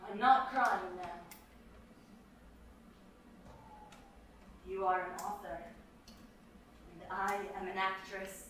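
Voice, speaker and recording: A woman acting a distraught, wistful young actress on stage, drifting between hushed and sudden outbursts, taped from far in an echoey theater. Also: medium pitch, a little hiss or hum, natural voice. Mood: sorrowful. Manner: dreamy, wandering, drifting between hush and outburst. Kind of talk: stage play performance. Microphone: distant room mic.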